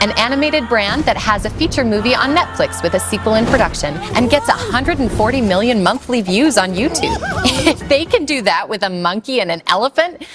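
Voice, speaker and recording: A woman reading an upbeat, salesy promotional voice-over with playful asides. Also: fairly high pitch. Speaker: ad narrator. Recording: voice-over with clear music behind. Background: music.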